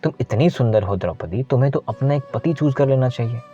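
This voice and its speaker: A man's voice: mid-range voice, animated, brisk, dark tone, close to an everyday voice. A man voicing a cruel prince who taunts a queen, in a retold epic, recorded slightly dull with faint music. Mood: taunting. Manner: sneering, taunting.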